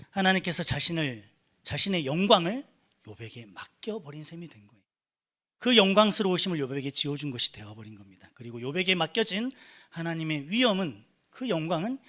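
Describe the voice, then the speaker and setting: A man's voice: a little high, fairly bright tone. A young man preaching a sermon to a church youth group, earnest and conversational, with rising emphatic peaks. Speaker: youth pastor.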